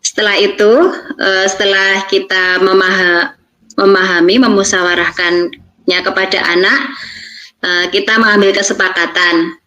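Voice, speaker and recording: Woman teacher from indonesia explaining class stuff, plain steady delivery, mid pitch. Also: moderate pace, muffled recording. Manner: explanatory, acts out teacher and pupil lines. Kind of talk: presentation on classroom practice.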